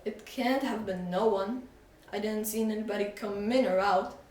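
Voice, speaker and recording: A woman's voice: mid-range voice, normal speed, darkish tone, lightly acted. A woman doing an eager, curious boy. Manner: eager, questioning. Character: curious, anxious young boy. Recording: echoey room, voice from far off.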